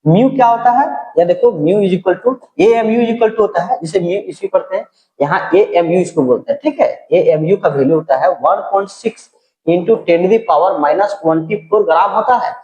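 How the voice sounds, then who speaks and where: Soft-spoken middle-aged male teacher. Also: high-pitched, unhurried, reverberant, low-quality recording. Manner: casual, keeps checking in with "ठीक है"; speaking softly, holding his voice down. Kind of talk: chemistry lecture. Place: room at night.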